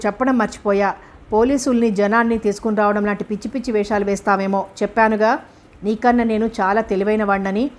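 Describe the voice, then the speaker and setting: A scheming, mocking male kidnapper from an audiobook thriller, read by a woman narrator. He speaks with cool menace and smug taunts. The voice sits at a middle pitch. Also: lightly acted.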